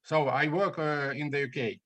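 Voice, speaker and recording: A man from Estonia, an ornithologist, giving a presentation over a video call in halting with many fillers. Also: on the high side, fairly even intonation, a bit bright. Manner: halting, non-native English with fillers. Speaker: guest speaker, ornithologist. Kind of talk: remote presentation talk.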